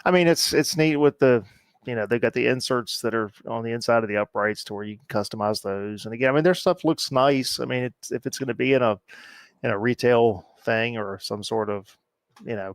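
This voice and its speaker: A man co-hosting a podcast, relaxed and hedging as he talks. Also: mid-range voice, a little fast, no echo. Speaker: podcast co-host. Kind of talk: casual chat.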